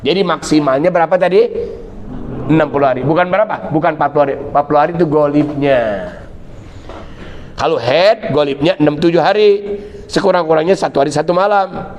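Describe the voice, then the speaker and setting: A middle-aged Islamic preacher with a Betawi Jakarta accent talks fairly quickly at a fairly high pitch, and the recording's highs are cut off. His lecture mixes instruction with comic stories and family scenes he performs in shifting voices.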